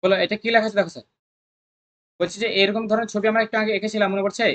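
Coaching-centre math tutor, mid pitch, rapid, drills students with constant questions. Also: fairly even intonation, fairly bright tone. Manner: coaxing, repetitive. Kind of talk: exam-prep math lesson.

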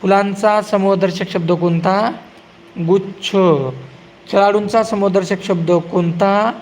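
High-voiced man drawing out quiz answers. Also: steady tone, slight background noise, low-quality recording. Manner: asks a question, then gives the answer slowly and drawn out. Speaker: exam-prep quiz teacher. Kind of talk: reading quiz questions and answers aloud.

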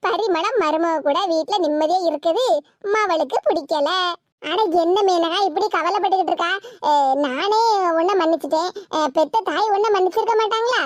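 A woman with a Tirunelveli Tamil accent voicing an older mother and grandmother in an animated cartoon comedy, in a lower, steady and firm voice. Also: moderate pace, no echo, studio quality. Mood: soothing.

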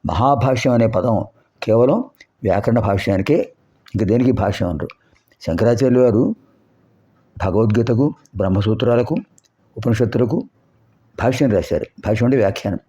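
On a dull lo-fi recording, a man with a low-ish, warm, slightly rough voice teaches Sanskrit. He explains grammar and slowly repeats sounds to demonstrate pronunciation, asking rhetorical questions.

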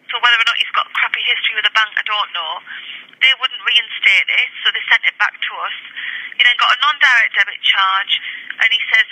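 A British woman in customer service, an executive office staffer, leaves a blunt, colloquial voicemail recorded over a tinny telephone line, mixed with casual office chat. Her voice is a little high, with a bright, forceful tone.

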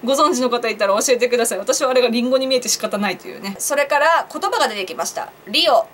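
A woman's voice: fairly high pitch, very fast, a bit bright, slight background noise. A young woman vlogger chatting on her own to viewers, laughing at her own jokes and asking them questions. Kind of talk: casual solo commentary to camera.

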